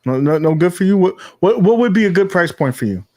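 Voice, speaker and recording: A man hosting a gaming podcast in casual chat, rambling and animated, with casual swearing. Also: sits high, quick pace. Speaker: podcast host.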